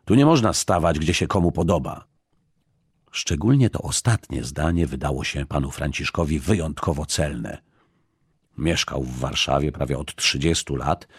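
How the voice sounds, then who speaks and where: A male audiobook narrator with an extremely deep, husky voice, reading in a measured and expressive way. The recording is close and completely dry, with no room sound. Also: dry recording. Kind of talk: scripted narration.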